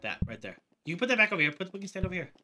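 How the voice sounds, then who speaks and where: A game host narrating co-op play in a loose, chatty way, the voice swinging up and down a lot. Frequent laughs and sudden excited yells break up the instructions. The recording carries a clear layer of background noise. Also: medium pitch, rapid-fire. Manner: laughs often, bursts into excited yelling. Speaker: host and player. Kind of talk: casual co-op gameplay chat. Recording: noisy gameplay recording.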